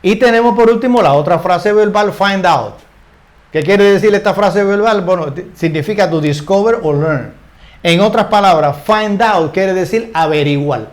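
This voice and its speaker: An older male teacher with a notably high voice explains grammar in an unhurried, conversational way. He keeps checking in with short tag questions and stumbles over repeated words as he looks for the right phrase. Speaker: English teacher. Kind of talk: casual spoken grammar lesson.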